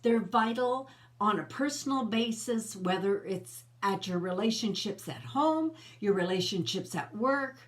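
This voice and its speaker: A woman's voice: mid-range voice, lively intonation, unhurried. A middle-aged woman hosting her own personal growth channel, talking casually to camera in a conversational, coaching way and asking the viewer questions.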